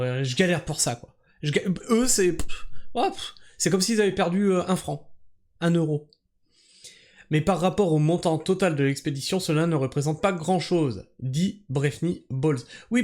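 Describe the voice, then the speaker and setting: A man's voice: on the high side, a little mellow. Sarcastic, swearing French commentator man. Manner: sarcastic, profane, exasperated asides. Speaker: commentator reacting to a news article. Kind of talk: reading an article aloud and ranting about it.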